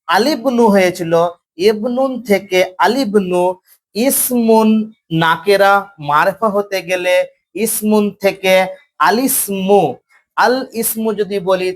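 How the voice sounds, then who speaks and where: A man with a high voice teaches Arabic grammar in a classroom lecture, pronouncing his examples slowly and drawing them out. He repeats points and tells the students to listen.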